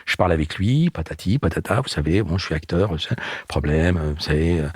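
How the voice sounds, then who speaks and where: A man in his sixties, a comedian and guest, telling animated anecdotes in casual chat and acting out the people he quotes. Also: deep voice, brisk, husky, dry recording. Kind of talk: casual storytelling.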